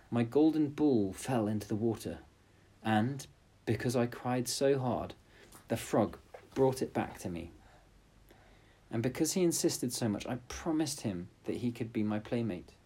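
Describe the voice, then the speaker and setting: A man voicing a spoiled, squeamish young princess in a storybook reading, high and pleading. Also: mellow, breathy edge.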